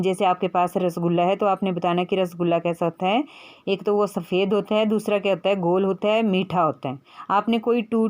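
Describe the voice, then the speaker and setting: A woman's voice: mid-range voice, a little mellow. A woman teaching a Hindi workbook lesson to young children, with a light Punjabi-influenced accent. She talks patiently, asks questions and answers them herself, and calls the child "beta".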